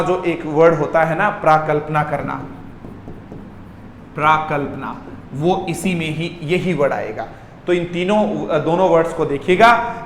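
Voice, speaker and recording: Energetic man teaching with echo. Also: fairly high pitch. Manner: energetic, keeps asking the class to repeat words. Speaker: English teacher. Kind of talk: online lesson in Hindi mixed with English. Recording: echoey room with long reverb and faint noise.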